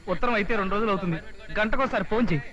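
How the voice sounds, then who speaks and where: A man's voice: sits high, very fast, lightly acted. An actor playing a doting young husband who whines and pleads, fussing that he cannot bear being apart from his wife. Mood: pleading. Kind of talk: Telugu film comedy acting.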